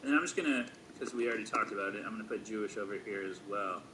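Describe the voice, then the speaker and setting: A man's voice: lowish voice, very fast, background noise. A man of forty reflecting aloud in a thoughtful, hesitant way, with frequent fillers. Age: 40s. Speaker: school staff member. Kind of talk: casual reflective conversation.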